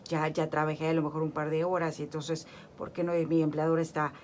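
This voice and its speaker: A woman with a slightly low voice hosts a radio talk show and greets her guests with effusive enthusiasm. A faint hiss of noise sits behind her. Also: little pitch movement, a little fast, a little mellow. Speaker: radio host.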